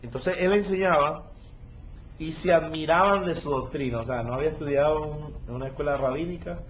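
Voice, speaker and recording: A fairly high-voiced male pastor teaches scripture verse by verse and keeps asking his small group whether they are following. The recording sounds dull and lo-fi, with a faint hum of room ambience behind him. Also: fairly quick. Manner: explains verse by verse, checks in with listeners. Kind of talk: Bible study teaching.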